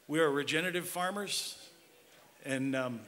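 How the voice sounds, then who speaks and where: A man's voice: on the high side, fairly bright tone. An American man giving an informal conference presentation as a guest speaker. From Pennsylvania, United States. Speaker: guest speaker, regenerative livestock farmer. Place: large reverberant hall. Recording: echoey hall with background noise.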